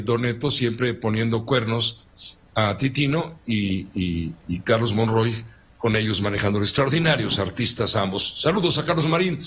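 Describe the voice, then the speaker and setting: A male radio anchor with a Mexican accent and a slightly husky, breathy voice. He talks in a loose, joking way and wanders into asides between the news items. His voice sits at an ordinary middle pitch. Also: fairly bright tone. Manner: chatty, joking, digressive. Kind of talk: casual on-air chat, reading listener messages.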